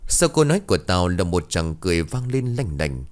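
A man reads a horror story aloud in a scripted, dramatic style. His voice is very deep, yet its pitch moves in lively, wide swings that keep the telling expressive. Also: fairly quick.

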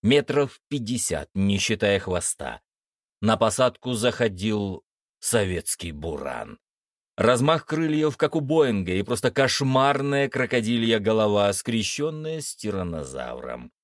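A man's voice: lowish voice, very animated, a little slow, no echo. A man narrating a first-person fantasy audiobook in a wry, slangy manner, recorded close to the mic.

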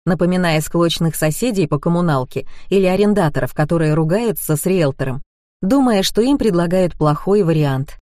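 A woman narrating an audiobook in a lively storytelling way, close to the mic. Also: fairly low pitch, normal speed, no room sound. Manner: lively storytelling with many character voices.

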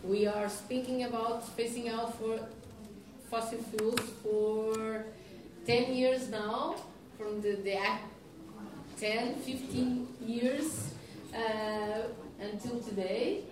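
A woman moderating a conference panel, speaking haltingly with many restarts. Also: on the high side, fairly even intonation. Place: conference hall. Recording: echoey hall, distant mic, background noise.

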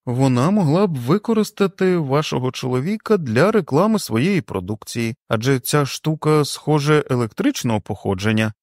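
A man's voice: medium pitch, expressive, normal speed, few pauses, darkish tone, no room sound, clean studio sound, voice pushed up, lightly acted. A man voicing a practical male companion who talks in a matter-of-fact way, in a storybook reading. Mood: wry.

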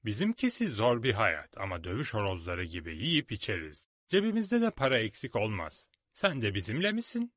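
Long John Silver, a sly pirate cook, as a storyteller reads him. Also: male voice, fairly low pitch, wildly swooping pitch, normal speed, few pauses, a bit bright, dry recording, studio quality, heavily acted. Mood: persuasive. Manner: smooth-talking, coaxing, then coldly ruthless. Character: scheming one-legged male pirate cook. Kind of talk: storybook read-aloud.

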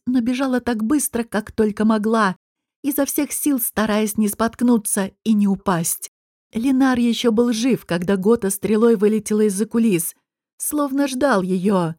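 Woman narrator, slightly high voice, slow measured reading, dry close sound. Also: a little mellow, no room sound. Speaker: audiobook narrator. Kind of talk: scripted narration.

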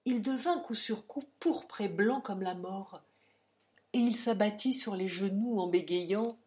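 A woman narrating a romantic novel as an audiobook, emotive, with hushed passages. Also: mid-range voice, unhurried. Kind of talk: dramatic audiobook reading.

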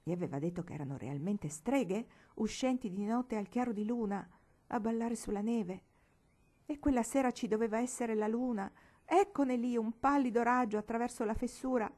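A woman narrates a classic novel as an audiobook, her voice a touch higher than most. She leans into the drama of each sentence, slowing and dropping for suspense. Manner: expressive, dramatic storytelling. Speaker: audiobook reader.

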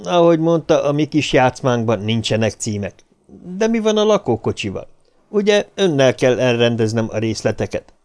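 A man's voice: medium pitch, very animated, a little mellow, smooth, close to an everyday voice. Man voicing a young nobleman, clipped, matter-of-fact, audiobook character. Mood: brisk. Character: young male nobleman, curt and businesslike.

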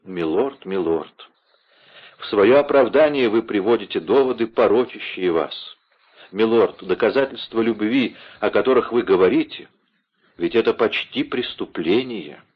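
A man's voice: on the low side, expressive, moderate pace, breathy edge, dull audio. A man voicing an anguished, proud young queen in an audiobook, pleading and emotional. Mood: reproachful.

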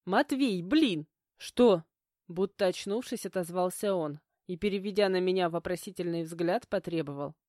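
A woman reading a first-person novel aloud in an even, measured way. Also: lowish voice, no room sound, studio quality. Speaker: audiobook narrator. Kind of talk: first-person audiobook narration.

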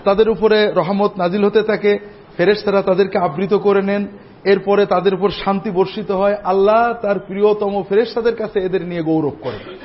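A man giving a Friday sermon as imam in a mosque, speaking straight to the congregation after a slow chanted Arabic opening. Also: high voice, steady tone. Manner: teaching, addressing the congregation directly. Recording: dull lo-fi recording with faint noise.

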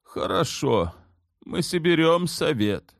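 A man's voice: fairly high pitch, sing-song, slow, vocal fry, no echo, studio quality, pitched above the performer's own voice, heavily acted. A man voicing the sultan's mother in an audiobook, an older woman who speaks firmly and measuredly, clipped when pressed. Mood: weary. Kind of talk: audiobook character voice.

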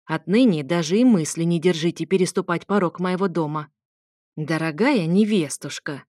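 A bold, bossy grandmother in an audiobook, put on by a woman reader. She scolds and mocks at full volume, and her voice sits low and close. The recording is dry, with no room sound. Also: normal speed, no echo, close to an everyday voice. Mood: scolding. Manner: loud, scolding, mocking. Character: grandmother, bold, brash and commanding.

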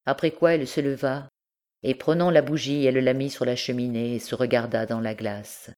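A woman narrating a classic novel as an audiobook, in a measured, unhurried way. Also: extremely low pitch, fairly even intonation, a little mellow.

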